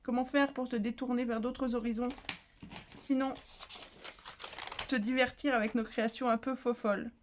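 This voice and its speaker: A woman's voice: fairly high pitch, steady tone, normal speed, long pauses, background noise. A woman vlogging casually as she opens craft mail at home, chatty and easily moved, full of exclamations. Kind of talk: casual chat while opening mail.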